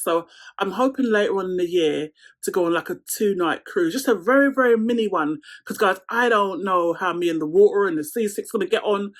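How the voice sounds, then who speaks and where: A woman in her thirties from London with a London accent, chatting casually to camera in a Q&A vlog and laughing often. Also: mid-range voice. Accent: London English. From London, England. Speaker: vlogger.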